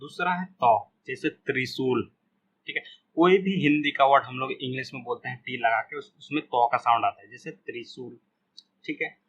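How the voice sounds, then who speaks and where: A man's voice: medium pitch, normal speed, a bit bright, muffled recording, a little hiss or hum. A man teaching a beginners' spoken English lesson, repeating each example word again and again.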